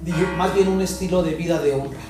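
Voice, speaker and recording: A woman preacher delivering an animated sermon, mimicking people in mocking voices. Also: on the low side, quick pace. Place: large echoing church hall. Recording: very echoey hall with faint music.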